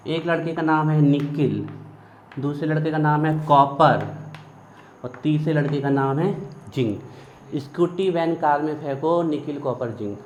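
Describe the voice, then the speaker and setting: A man's voice: on the high side, measured pace. A man teaching chemistry in a classroom lecture, chanting mnemonic lists in a sing-song rhythm. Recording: echoey room, dull lo-fi sound, faint hiss.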